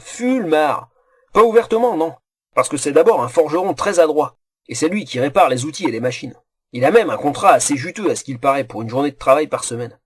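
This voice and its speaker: A man's voice: medium pitch, a little mellow, slightly rough, dry recording, studio quality. A man voicing a gossipy, wary worker in a fantasy tale, talking in a confiding, explanatory way.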